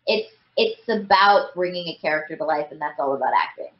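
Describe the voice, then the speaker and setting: Deep-voiced and expressive, the woman in her thirties speaks a little fast as a voice actress guesting on a casual interview. She's chatty, leaning on "like" and "you know" fillers, and the podcast audio sounds roomy and somewhat dull.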